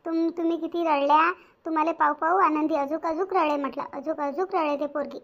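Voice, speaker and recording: A woman voicing a gentle young friend. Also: high voice, fairly even intonation, brisk, lo-fi sound, close to an everyday voice. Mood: soothing. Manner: soothing, soft-spoken.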